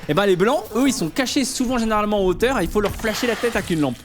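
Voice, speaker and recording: Guy with a highish voice commentating a game, talks fast n slangy, bit of music behind. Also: animated, background noise. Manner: informal slangy explaining, addressing the viewer directly. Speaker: gaming video host.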